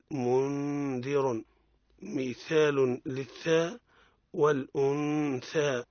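A man teaching the rules of Quran recitation in a radio lesson, saying example words slowly and with care. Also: mid-range voice, no echo, muffled recording. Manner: opens with prayer, then slow, drawn-out example words.

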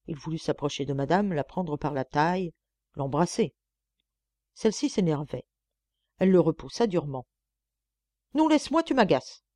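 Low-voiced woman reading a novel. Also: normal speed, long pauses, mellow, dry recording, studio quality. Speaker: audiobook reader. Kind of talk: scripted novel narration.

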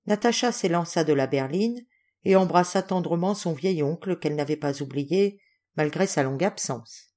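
A woman narrating a classic novel as an audiobook reader, in a calm, even storytelling manner. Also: lowish voice, moderate pace. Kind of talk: scripted narration.

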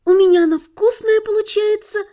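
A stubborn, nervous young woman, played by an audiobook reader, her voice high and raised. She sounds flustered yet defiant, pleading her case with rising insistence. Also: fairly even intonation, fairly quick, dark tone. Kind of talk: audiobook character voice.

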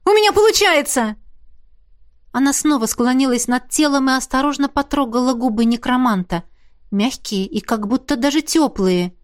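Woman narrating a fantasy audiobook. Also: a little high.

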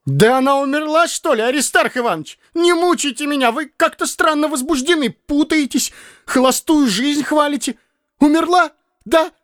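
A man's voice: very high voice, sing-song, unhurried, pauses often, fairly bright tone, dry recording, studio quality, voice pushed up, full character voice. A man reading an audiobook and voicing an anxious, tearful younger man who pleads in a strained voice. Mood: pleading.

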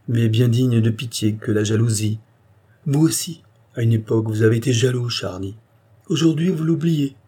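A man's voice: mid-range voice, mellow, husky, voice pushed up, lightly acted. A man reading an audiobook, voicing a proud, jealous queen who pleads with impassioned emotion.

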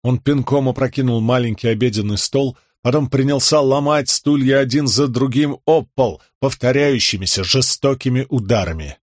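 A man reading fantasy fiction aloud in steady, measured audiobook narration. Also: mid-range voice, no echo, clean studio sound. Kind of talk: scripted narration.

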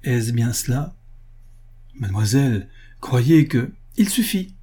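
A man's voice: medium pitch, animated, slow, mellow, husky. A man reading the part of a young, proud noble heiress who speaks in a cold, decisive, commanding manner. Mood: stern.

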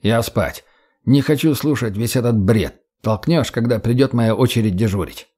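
A man voicing a gruff, brutal older male fighter with a curt, coarse, weary way of talking in an audiobook. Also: mid-range voice, lively intonation, moderate pace, darkish tone, natural voice. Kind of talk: audiobook character voice.

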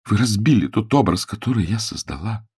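A man reading aloud and voicing an upset young woman who speaks softly in a trembling, pleading voice. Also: mid-range voice, lively intonation, brisk, creaky, husky, voice pushed up. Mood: reproachful.

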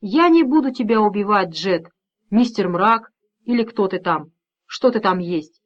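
A woman voicing a middle-aged father who stays calm and firm, speaking steadily with quiet menace. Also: medium pitch, a little slow, highs cut off.

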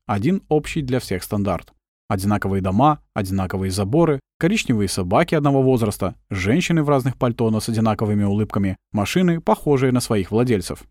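A man narrating an audiobook in a measured, expressive storytelling manner. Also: fairly low pitch, no room sound, studio quality. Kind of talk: scripted narration.

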